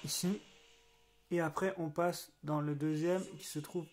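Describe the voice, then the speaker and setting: Slangy, excitable young-sounding male vlogger. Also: fairly high pitch, a little slow, slight background noise. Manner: relaxed slangy talk, excited about his gear. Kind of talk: casual vlog narration.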